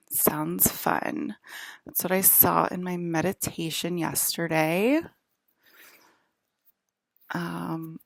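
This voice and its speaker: A New Jersey vlogger in her forties rambles through a casual, chatty monologue, repeatedly trailing off and dropping into whispered asides. Her voice is low and creaky, with no room sound at all.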